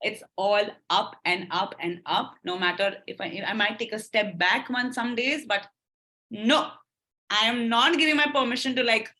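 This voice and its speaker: A woman's voice: moderate pace, rough recording. A young woman as a podcast guest, telling her story candidly and acting out the lines of the people in it. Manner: animated, acts out quoted dialogue with shifting pitch.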